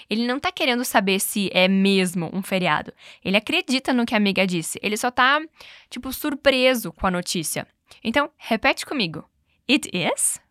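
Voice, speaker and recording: A woman teaching English and running repeat-after-me drills, speaking clearly and patiently and slowing down on model phrases. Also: fairly high pitch, a bit bright, dry recording, studio quality. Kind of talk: bilingual language lesson with repeat drills.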